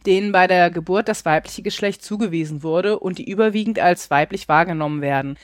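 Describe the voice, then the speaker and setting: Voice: mid-range voice, no echo, studio quality. A thirty-seven-year-old podcast co-host from Saxony-Anhalt who speaks carefully and reads out definitions. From Saxony-Anhalt, Germany.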